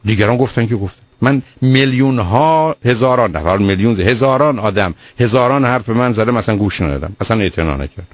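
A man hosts a call-in advice show on radio, speaking in a low voice. He lectures earnestly and piles up repeated words for emphasis. The sound is dry and dull, like a lo-fi broadcast. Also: expressive, hardly any pauses, no echo.

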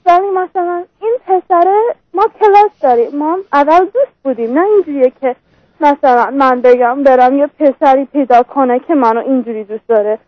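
A young woman with a very high voice calls in to an advice show. She talks emotionally and pleads her case, stringing her words with fillers. The sound is dry and dull. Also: no echo. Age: young adult. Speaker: caller. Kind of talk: call-in conversation.

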